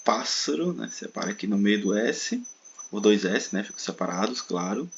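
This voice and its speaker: A man's voice: on the low side, normal speed, muffled recording, slight background noise. A Brazilian man teaching an online Portuguese grammar lesson, explaining step by step with frequent tag questions and stretched stressed syllables. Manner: stretches stressed syllables when giving examples.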